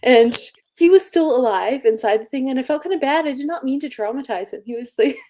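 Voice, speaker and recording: A young woman chatting casually on a livestream, telling a story in an animated way with frequent laughter. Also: high voice, a little fast. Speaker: co-host of a productivity stream.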